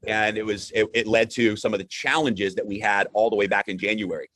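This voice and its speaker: A man with a fairly low voice hosts a live online broadcast. His delivery is conversational and upbeat, with halting phrases and repeated words. The sound is dry, with little room in it. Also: fairly even intonation, a bit bright, no room sound. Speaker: host.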